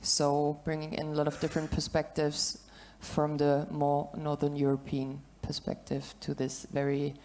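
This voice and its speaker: A woman introducing herself as a network's managing director on a panel, in a measured, businesslike way. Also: low voice, monotone, darkish tone, a little hiss or hum.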